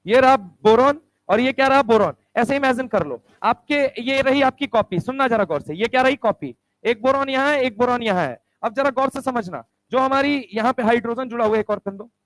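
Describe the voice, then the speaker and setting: A male chemistry teacher lecturing a class, firing quick rhetorical questions and answering them himself. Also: very high-pitched, a bit bright, no room sound, low-quality recording. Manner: answers his own questions aloud.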